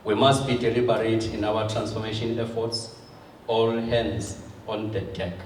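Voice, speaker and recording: A South African man delivering a formal prepared government speech in measured, short phrases. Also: on the low side, fairly even intonation. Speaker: government official giving a speech. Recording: echoey hall, distant microphone, faint noise.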